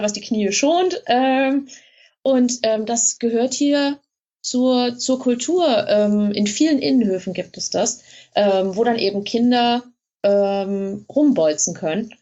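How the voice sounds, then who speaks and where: A woman's voice: a little high, a little slow, darkish tone, lo-fi sound. A woman blogger being interviewed, explaining things in a chatty way with frequent hesitations. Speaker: blogger in Russia, guest. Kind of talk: casual interview.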